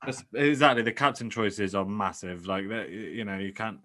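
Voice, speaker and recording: A man's voice: lowish voice, moderate pace, a crowd in the background. A man hosting a casual podcast chat, talking hesitantly with lots of fillers and restarts. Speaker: podcast host.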